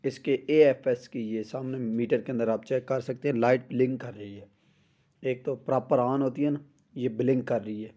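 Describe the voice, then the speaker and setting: A man with a very dark, deep-toned voice explains a car repair in a flat, even delivery, taking it one step at a time. He sounds like a mechanic talking beside the car in a garage, recorded close on a phone. The audio is dull and lo-fi. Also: moderate pace. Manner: plain step-by-step explaining, with small restarts. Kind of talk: hands-on repair tutorial.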